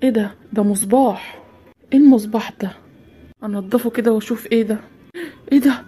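A woman's voice: fairly high pitch, a little fast, warm tone, breathy edge. A woman voicing a nervous young man who finds a magic lamp, speaking with an Egyptian Arabic accent and brushing people off. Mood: curious.

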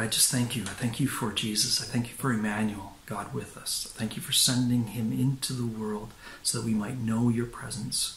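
An older man, a pastor, gives a sermon from his living room to a webcam, speaking haltingly with many fillers and restarts. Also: mid-range voice, fairly bright tone. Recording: roomy home recording with faint noise.

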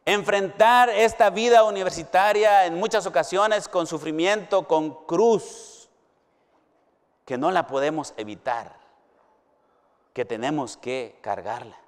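A middle-aged Mexican pastor preaching slowly and emphatically, his clear, resonant voice sitting a little high for a man. He leans on long pauses and swings between raised, ringing lines and hushed ones. The sound trails off into the long reverb of a large hall. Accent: Mexican Spanish. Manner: slow, emphatic preaching with dramatic pauses and swings in pitch and volume. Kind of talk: sermon. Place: university hall or chapel.

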